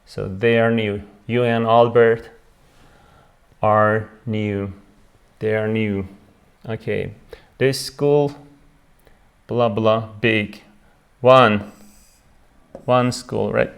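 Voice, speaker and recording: In a beginner English grammar class, a man whose first language is Turkish speaks slowly, repeating each word, translating into Turkish and asking "right?" after every point. His voice is lowish and steady, with vocal fry and a clean tone.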